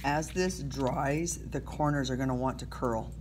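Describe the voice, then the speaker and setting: With a very deep, unhurried voice, a woman teacher talks students through an art project as she works at a table indoors, filming her hands from above. She's casual and self-deprecating, dropping in little okays and ums, against a noisy background.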